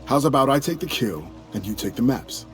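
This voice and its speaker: An actor playing a breezy, smug contract killer in a video game, glib and condescending. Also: male voice, medium pitch, expressive, fairly quick, a bit bright, soft background music, lightly acted. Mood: breezy, businesslike.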